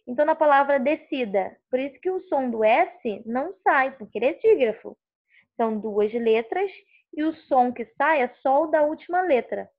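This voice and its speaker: A woman teacher from Rio de Janeiro state with a carioca accent, patiently explaining a lesson and repeating words slowly to stress their sounds. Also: high voice, muffled recording. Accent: Rio de Janeiro Portuguese. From Rio de Janeiro state, Brazil. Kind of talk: recorded online class.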